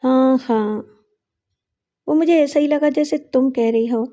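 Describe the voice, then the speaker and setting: A woman's voice: sits high, mellow, lightly acted. A woman voicing an older father who is frightened, confused and furious. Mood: anxious. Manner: anxious, then raging and threatening.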